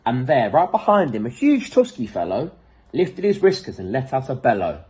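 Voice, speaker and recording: A man reading a children's picture book aloud in an expressive, dramatic way. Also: medium pitch, moderate pace, breathy edge. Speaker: storybook reader.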